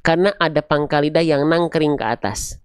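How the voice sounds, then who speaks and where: Smooth-voiced man teaching recitation. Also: fairly high pitch, a little fast, no room sound, clean studio sound. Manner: asks questions aloud and answers them himself; patient, step-by-step explaining. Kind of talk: online video lesson.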